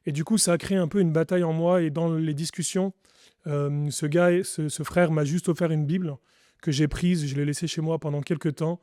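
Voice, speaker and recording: This clean studio recording, free of room sound, features a man with a fairly high, warm voice and fairly even intonation who speaks briskly. He is a pastor from France, appearing as a podcast guest in a testimony interview, and he speaks in an earnest, reflective way with frequent restarts.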